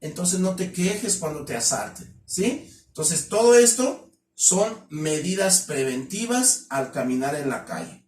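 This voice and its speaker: A man with a Mexican accent gives a classroom lecture on crime prevention, speaking emphatically and peppering the class with rhetorical questions. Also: on the high side. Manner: acts out shouted cries for help. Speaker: criminology lecturer. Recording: roomy echo from a distant mic.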